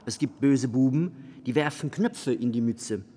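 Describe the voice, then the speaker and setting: A man's voice: mid-range voice, a little slow, mellow, breathy edge. A man playing a poor, anxious old barrel organ player, talking in a pleading way. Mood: protesting. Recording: long reverb with faint music behind.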